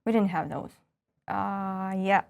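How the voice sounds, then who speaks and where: A woman's voice: mid-range voice, fairly even intonation, slow, creaky, darkish tone. Wry Ukrainian woman comedian. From northwest Ukraine. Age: 30s. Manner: wry, self-mocking, dry jokes. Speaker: stand-up comedian, guest. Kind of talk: casual interview chat.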